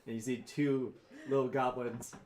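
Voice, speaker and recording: A man's voice: mid-range voice, level tone, normal speed, darkish tone. A man speaking casually as game master, narrating a tabletop game.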